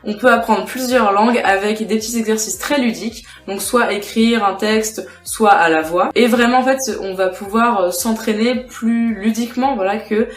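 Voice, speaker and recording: A woman's voice: a little high, moderate pace, few pauses. Chatty young woman in an echoey room. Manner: chatty, addresses viewer directly. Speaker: vlogger. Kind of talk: casual vlog tips. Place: indoors at home with a cat. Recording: echoey room with faint music.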